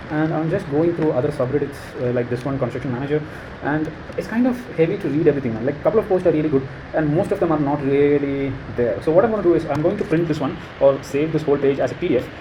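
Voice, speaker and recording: A man with an Indian accent talking through his screen in a casual walkthrough, thinking aloud and pausing on fillers. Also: medium pitch, noisy background. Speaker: creator.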